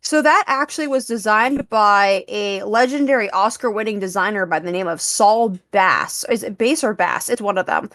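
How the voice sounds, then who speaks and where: A woman's voice: mid-range voice, normal speed, hardly any pauses, fairly bright tone, no echo, clean studio sound. A woman co-hosting a podcast, chatting eagerly about films with lots of fillers. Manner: chatty, enthusiastic, many fillers. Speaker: podcast co-host. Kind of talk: casual film discussion.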